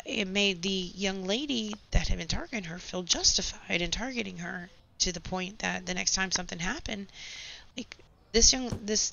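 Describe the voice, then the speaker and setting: A woman's voice: mid-range voice, gravelly, sharp tone, a little hiss or hum. A woman hosting a gaming channel, telling a long, candid work story in casual talk over gameplay. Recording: slightly dull lo-fi audio.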